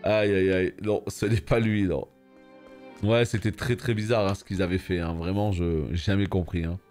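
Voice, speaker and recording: A man's voice: low voice, steady tone, normal speed, darkish tone, faint music behind. A man hosting a gaming video, giving casual, chatty commentary while he plays, swearing now and then and answering viewers.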